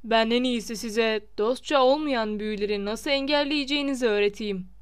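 A woman voicing a vain, flustered male wizard professor in an audiobook, calling out in loud, theatrical exclamations. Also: on the high side, normal speed, clear, resonant tone, close to an everyday voice. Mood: showy. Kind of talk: audiobook character reading.

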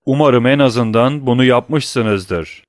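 A stern middle-aged prosecutor played by a male audiobook reader presses his accusations with a forceful, cutting voice. The reading sounds dry and close, with no room around it. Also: medium pitch, takes it slowly, no room sound, voice pushed up, natural voice. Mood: scornful.

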